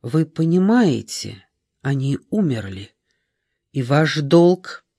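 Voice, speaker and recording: A man's voice: medium pitch, sing-song, takes it slowly, dark tone, husky, no room sound, studio quality, exaggerated voice. Man reading a firm, probing young woman. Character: young woman in her twenties, persistent questioner. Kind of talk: audiobook character reading.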